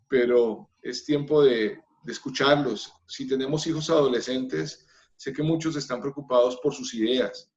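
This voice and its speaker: A man's voice: mid-range voice, highs cut off. A man from Colombia, a pastor, speaking earnestly about family in a church workshop talk, with light laughs.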